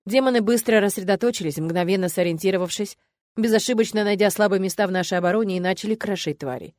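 A woman narrating a first-person fantasy audiobook in an expressive, lively way. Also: medium pitch, fast, no echo, studio quality. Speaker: audiobook reader.

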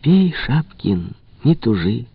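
A man's voice: medium pitch, big pitch swings, slow pace, gravelly, slightly rough, dry recording, voice pushed up, heavily acted. A man doing a bitter, mocking wild young woman. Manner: mocking, impulsive. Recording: slightly dull lo-fi recording.

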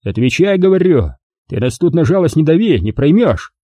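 A man voicing a brutal, loud army brigade commander who talks harshly and threateningly in an audiobook. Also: a little high, very animated, moderate pace, no room sound, voice pushed up. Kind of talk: audiobook character voice.

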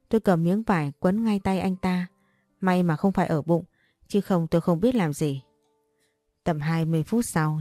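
Woman reading a story out loud, low mellow voice, dry close mic, soft music behind. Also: no room sound. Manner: reads every character's lines in her own voice. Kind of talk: first-person audio story narration.

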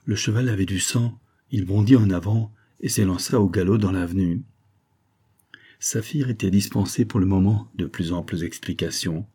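A male audiobook narrator reads a classic novel in a measured, storytelling manner. His voice is low and husky with a dark, mellow tone. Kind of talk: scripted narration.

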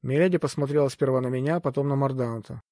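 A man reading first-person adventure fiction aloud as an audiobook narrator, steady and measured. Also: mid-range voice, no echo, studio quality.

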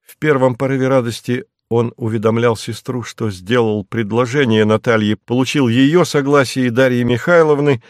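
An audiobook narrator reads a classic novel in a measured, even storytelling style. His voice is mid-range, and the clean studio recording has no room sound.

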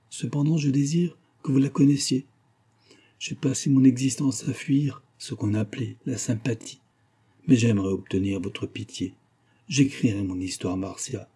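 A man voicing an anguished middle-aged gentleman in love, reading him passionately and pleadingly in an audiobook. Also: lowish voice, husky.

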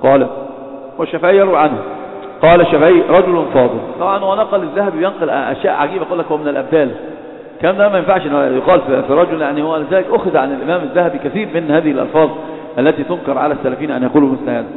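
Racing along in a fairly high voice, a male speaker delivers a religious talk on critiquing hadith, stopping often to hesitate or fix what he just said. It comes across as a reverberant hall relayed over a thin, telephone-like connection.

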